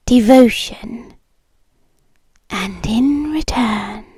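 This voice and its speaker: A British woman voices a possessive, wealthy yandere who is menacingly sweet, performing an intimate ASMR roleplay in full character. Her voice sits high and drifts between soft, deliberate speech and breathy whispers. It is captured dry on a close microphone.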